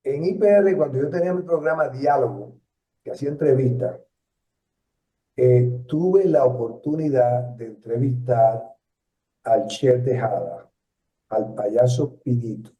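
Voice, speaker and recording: A man in his seventies with a Puerto Rican Spanish accent, telling stories in an interview, reflective and halting with many fillers and restarts. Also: medium pitch. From Puerto Rico. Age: 70s. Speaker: interviewee, retired journalist. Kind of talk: storytelling interview. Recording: roomy, distant, dull lo-fi sound.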